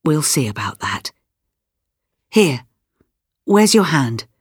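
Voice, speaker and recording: Woman doing a tired, gruff father. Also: deep voice, normal speed, dry recording, studio quality. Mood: gentle. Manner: curt, then gentle.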